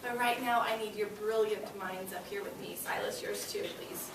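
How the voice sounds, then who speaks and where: An elementary school teacher reads aloud to young children in a classroom, talking to them directly with short prompts and questions. Her voice is medium in pitch, fairly even in intonation and at a normal speed. The recording is roomy, from a distant mic, with background noise.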